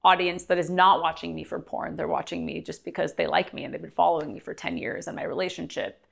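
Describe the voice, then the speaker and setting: Frank young woman with a gravelly low voice. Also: level tone, quick pace. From Glendale, California. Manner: frank, reflective, with frequent "like" fillers. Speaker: guest, adult performer. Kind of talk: candid interview conversation.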